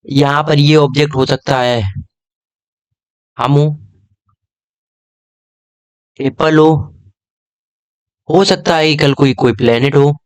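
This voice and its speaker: Chatty young male tutor. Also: mid-range voice. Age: young adult. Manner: chatty, keeps checking with "okay?". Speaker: exam prep teacher. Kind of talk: casual video lesson.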